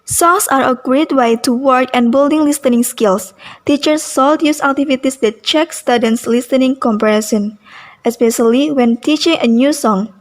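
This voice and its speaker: A woman's voice: high voice, moderate pace. A young woman with an Indonesian accent, steadily reading a student class presentation from a script. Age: young adult.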